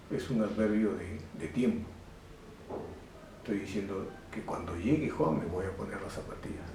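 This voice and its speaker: Male Peruvian schoolteacher, deliberate remote lesson; slow delivery, recorded off-mic in a very reverberant room. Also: lowish voice, mellow, distant mic. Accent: Peruvian Spanish. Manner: slow, deliberate explanation, repeating example sentences. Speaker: secondary school language teacher. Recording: very echoey room, voice off-mic, faint hiss.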